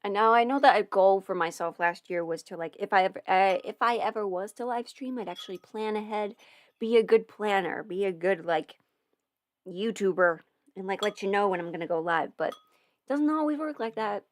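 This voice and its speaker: A woman with a mid-range voice and moderate pace rambles casually as a livestream host. She is an audio roleplay creator and sounds hesitant, interrupting herself and thinking aloud as she goes.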